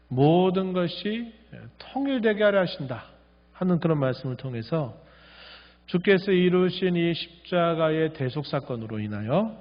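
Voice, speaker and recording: A pastor preaching a sermon, reading scripture slowly and firmly and asking rhetorical questions. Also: male voice, fairly high pitch. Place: church sanctuary. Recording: dull lo-fi sound with long church reverb.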